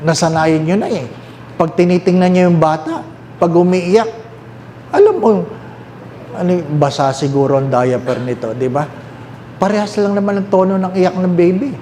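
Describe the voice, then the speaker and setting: Filipino priest guy preaching, slightly high voice, roomy echo, faint hum behind. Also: lively intonation, warm tone. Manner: mixes English and Tagalog, asks the listeners questions; repeats key phrases slowly. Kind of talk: sermon.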